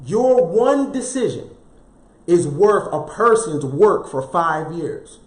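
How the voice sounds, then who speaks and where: Speaking slowly and expressively in a high-pitched voice, a man delivers a motivational self-help talk, raising his voice slightly. He leans on rhetorical questions, repeats key phrases, and drops in slang asides, all in a roomy, echoey space.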